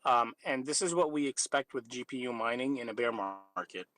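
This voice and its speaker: A man talking in a casual online chat on a choppy call line that cuts off his endings, halting with many fillers and restarts. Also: mid-range voice, animated, a bit bright. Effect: choppy audio cutting out, endings chopped off. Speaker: team member answering questions in an AMA. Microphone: internet call.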